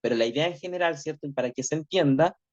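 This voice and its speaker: A man with a fairly high voice teaches an online class over a muffled, lo-fi call line. He talks in a reflective way and keeps tossing in little checking questions to his students. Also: fast. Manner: reflective, sprinkles constant tag questions. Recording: dull lo-fi audio.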